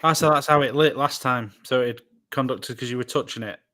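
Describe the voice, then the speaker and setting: A man's voice: mid-range voice, a little fast, bright, forceful tone. A man with a mid-range voice who hosts a live stream. He speaks in short, encouraging interjections. His voice is an ordinary, everyday one. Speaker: host.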